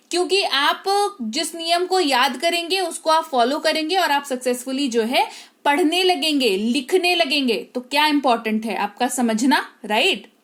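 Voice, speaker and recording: A woman's voice: high-pitched, fairly bright tone. A woman teacher giving an online English spelling lesson, patiently explaining rules and repeating key words.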